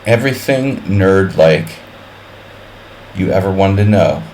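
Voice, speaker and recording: A low-pitched, slightly mellow male voice, animated yet slow, narrates a live-streamed chess simul. He calls moves and reasons aloud while chatting wryly with viewers and dropping jokes and wordplay. Slight background noise runs under a low-quality recording.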